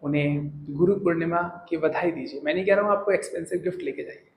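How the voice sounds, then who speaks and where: A man teaching, giving an earnest, animated motivational talk to his students. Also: on the high side, fast, roomy sound, slight background noise, poor audio.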